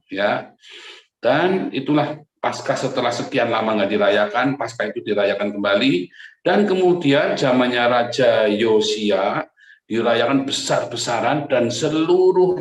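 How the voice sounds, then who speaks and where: Man preaching with a big echo. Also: mid-range voice. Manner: chatty, keeps addressing listeners as brothers and sisters with a tag "right?". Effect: strong echo like a big church hall. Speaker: pastor. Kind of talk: sermon. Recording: echoey room sound.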